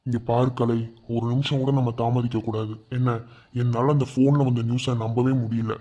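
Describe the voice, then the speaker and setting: A man's voice: medium pitch, level tone, normal speed, dark tone, highs cut off, close to an everyday voice. Man as firm young friend, mid voice, reassuring, lecturing. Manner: reassuring, lecturing, asks 'understand?'. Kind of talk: fan-made cartoon voice acting.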